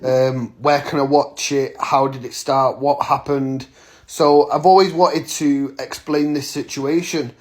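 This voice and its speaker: A man's voice: medium pitch, fairly even intonation, measured pace, darkish tone. A man in his thirties, a vlogger telling a story straight to camera in a blunt, slangy, casual way. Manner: blunt, slangy, acts out the moments he retells.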